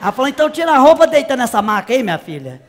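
A man's voice: extremely high pitch, big pitch swings, rapid-fire, big-room sound. A man playing a brash, naive country woman from the interior, telling a comic story in character. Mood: gossipy. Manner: chatty, exaggerated, squealing cries. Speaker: comedian.

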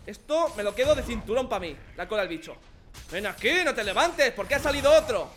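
A young man with a Spain Spanish accent, joking and shouting excitedly as he commentates a video game. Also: extremely high pitch, brisk, soft background music. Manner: excitable, jokey, shouts at enemies. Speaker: gaming commentator. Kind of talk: let's play commentary.

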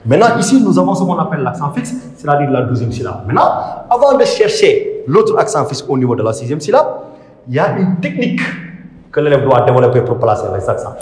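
A man's voice: on the high side, very animated, fast talker, a little mellow. Man lecturing in an echoey classroom. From Senegal. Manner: didactic, repeats phrases, asks and answers own questions. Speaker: literature teacher. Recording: echoey room with long reverb.

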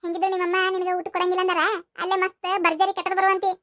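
Voice actor as a teasing village boy friend, North Karnataka accent, very high and rapid talk, for a cartoon. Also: little pitch movement, fairly bright tone, no echo, studio quality. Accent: North Karnataka Kannada. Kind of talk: cartoon voice acting.

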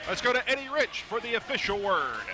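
A man's voice: extremely high pitch, very animated, brisk. A man giving play-by-play wrestling commentary on a noisy arena broadcast.

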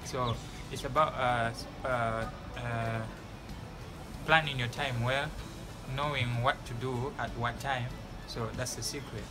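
A young Malawian man about to graduate answers casual interview questions outdoors beside a building wall, offering earnest advice and often restarting his sentences. His medium-pitched voice stays fairly even and moves at a slow pace. Music plays underneath.

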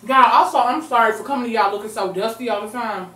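This young woman, a mukbang vlogger, talks fast in a fairly high, slightly bright voice as she eats on camera at home. The camera mic sits at a distance, so her expressive, casual chat and murmured eating sounds come across echoey and far away in her recording room.

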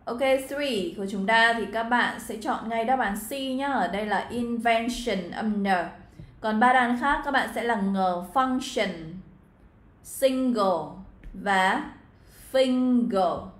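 Vietnamese woman teacher going through exam answers, highish voice, chatty w lots of fillers, roomy echo. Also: unhurried, a bit bright. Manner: chatty, addresses students directly, frequent fillers. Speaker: English teacher. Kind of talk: exam walkthrough lesson.

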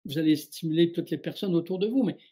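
A middle-aged man acts as a spiritual guide on a live show, answering his audience's questions. His mellow, slightly husky voice is fairly high-pitched, and he speaks fast yet calmly and reflectively, addressing each listener directly.

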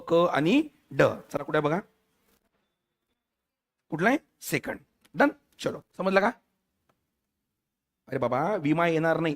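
A male teacher giving a lecture for competitive exams, firing questions at his students and mixing English terms into his talk. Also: fairly high pitch.

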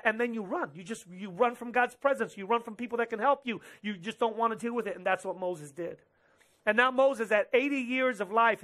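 Through a headset microphone, a pastor in his thirties delivers a sermon indoors on a church stage backed by a drum kit. He sounds bright, forceful and very high-pitched, preaching with lively gestures and rapid quoted asides.

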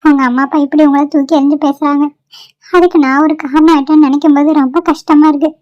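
An anxious young college woman, played by a woman speaks softly and apologetically in a high voice. The homemade cartoon audio is dry and close. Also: little pitch movement, fast, dry recording, highs cut off, close to an everyday voice. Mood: worried. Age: young adult. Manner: soft, polite, apologetic. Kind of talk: amateur cartoon voice acting.

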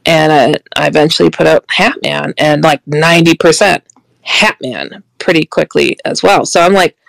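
A woman guest telling paranormal stories in an animated way, acting out the dialogue she quotes. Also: sits low, normal speed, gravelly, no room sound, low-quality recording. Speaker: paranormal researcher and author, guest. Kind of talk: candid storytelling interview.

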